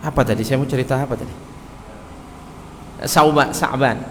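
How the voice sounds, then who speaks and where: A man's voice: medium pitch, moderate pace, long reverb tail, slight background noise. A man preaching in a mosque, telling a story and often turning to his listeners. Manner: storytelling, addressing listeners as Pak. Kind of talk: mosque study sermon.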